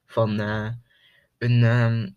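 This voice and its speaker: A man's voice: medium pitch, completely flat delivery, very slow, a little mellow, smooth, lo-fi sound. A young man with a mid-range voice chats loosely as a podcast co-host. He drops slang and circles back over the same phrases. His delivery is informal and unpolished. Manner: loose, slangy, repeats himself. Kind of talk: casual chat.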